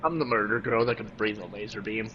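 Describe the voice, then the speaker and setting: A man's voice: fairly low pitch, fairly even intonation, fast. A man chatting casually as a player in an online tabletop roleplaying game. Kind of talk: casual chat. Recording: dull, noisy online voice chat.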